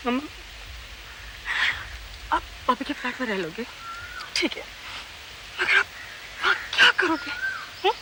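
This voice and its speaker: A woman's voice: high-pitched, wildly swooping pitch, unhurried, long pauses, heavily acted. An actress in her thirties playing a married daughter who keeps pleading with her mother, in a television drama. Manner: pleading, repeats "mamma", mixes in English phrases. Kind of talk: 1990s television drama acting. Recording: hissy old TV archive recording.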